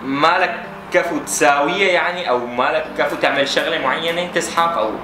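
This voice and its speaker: Quick Syrian-accented man, slightly high-pitched. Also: background noise. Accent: Syrian Arabic. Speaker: contestant in a dialect challenge. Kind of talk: casual chat, guessing aloud. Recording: echoey room, music behind.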